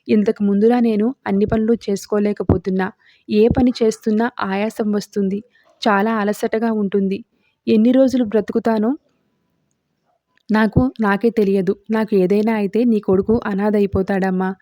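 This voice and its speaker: Woman reading as frail worried grandmother, warm low-key tone, dry dull recording. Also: dry recording, lightly acted.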